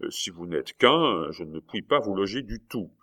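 A man reading aloud and voicing an insolent, cool-headed innkeeper who mocks his guests slowly. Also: low voice, lively intonation, bright, forceful tone, heavily acted. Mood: mocking. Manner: phlegmatic, slow, mocking.

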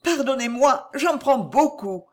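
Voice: sits high, very animated, measured pace, a bit bright, pitched above the performer's own voice, full character voice. A reader voicing a young woman in distress, anxious and tender, who sighs and falters, in an audiobook of a classic novel. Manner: sighing, faltering and breathless.

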